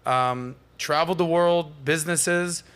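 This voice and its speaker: A man's voice: on the high side, a little slow, a bit bright, smooth. A man in his forties hosting a casual panel podcast, cheering on his guests as he talks. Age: 40s. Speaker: podcast host.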